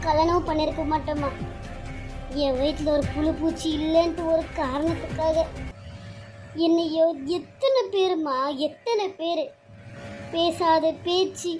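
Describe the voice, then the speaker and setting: A woman's voice: extremely high pitch, fairly even intonation, measured pace, darkish tone, low-quality recording. A woman voicing a heartbroken young wife in a cartoon serial, crying and pleading in a broken, repeating lament. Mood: grieving. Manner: sobbing lament, repeating and breaking off phrases. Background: background music.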